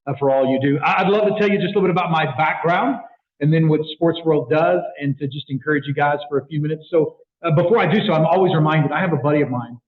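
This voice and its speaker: A middle-aged man giving an animated storytelling talk to a club as a guest speaker, with many fillers and restarts. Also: on the high side, quick pace. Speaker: guest speaker for a sports outreach ministry. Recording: echoey room, tinny phone-like sound.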